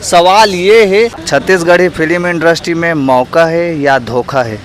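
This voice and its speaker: A host and street interviewer from Chhattisgarh, India, presents his vlog in a Chhattisgarhi accent, earnestly speaking to viewers as friends and posing public opinion questions. His voice is a little high, his pace measured, with slight background noise.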